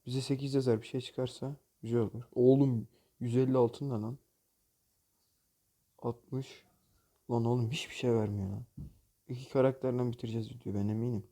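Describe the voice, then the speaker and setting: A man's voice: mid-range voice, fairly even intonation, a little fast, long pauses, warm tone. A man hosting a gaming channel, commenting on opening loot boxes in a mobile game, exasperated and jokey, often cursing at the game.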